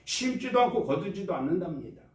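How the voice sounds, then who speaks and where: Preaching on Sunday, a male pastor calls out responses from the congregation in the church sanctuary. He speaks in a high, sing-song voice at a fairly quick pace, captured by a distant mic in an echoey hall.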